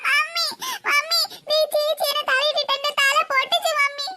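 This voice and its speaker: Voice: extremely high pitch, level tone, moderate pace, sharp tone, full character voice. A performer voicing a younger sister in a cartoon, a little girl who pleads and tattles to her mother. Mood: tattling. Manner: pleading, wheedling.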